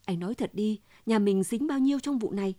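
A woman's voice: mid-range voice, a little fast, warm tone, dry recording, studio quality, lightly acted. Woman reading as a pleading, distraught wife. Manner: pleading, insistent.

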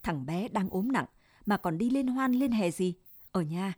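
A woman's voice: mid-range voice, expressive, fairly quick, warm tone, dry recording, studio quality, lightly acted. A woman doing a stern old grandmother. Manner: firm, scolding.

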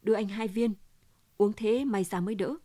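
A woman's voice: mid-range voice, moderate pace, warm tone, no echo, natural voice. A woman voicing an anxious, brooding husband who talks in a gloomy, muttering way. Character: anxious husband, middle-aged man, brooding.

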